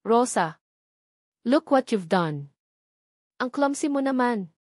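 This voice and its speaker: Woman doing a snobbish rich lady, condescending, cutting, rising scolding voice, mid-pitched, dry close sound. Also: lively intonation, slow, darkish tone, dry recording. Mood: scornful. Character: haughty rich woman, scornful mistress of the house.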